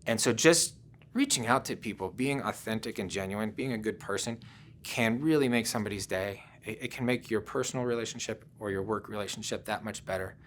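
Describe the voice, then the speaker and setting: A man's voice: on the low side, a little fast, a bit bright, a little hiss or hum. A man giving a virtual conference presentation, talking in a conversational way and telling personal stories, often with "um" and "you know.". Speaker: conference speaker.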